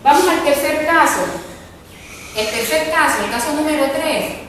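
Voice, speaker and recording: A woman's voice: sits high, normal speed, fairly bright tone, slight background noise. A woman teacher giving a spelling lesson, repeating points and often checking in with the class. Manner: repetitive, checks with students using ¿verdad?. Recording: echoey room, mic far off.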